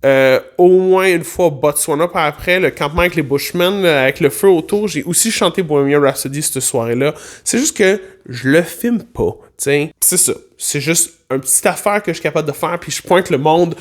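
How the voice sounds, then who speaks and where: A man with a Québécois French accent chats through a travel anecdote as a casual vlog. His voice sits somewhat high for a man. He stays animated and playful and keeps breaking off into little asides. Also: moderate pace, hardly any pauses. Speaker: vlogger and music teacher.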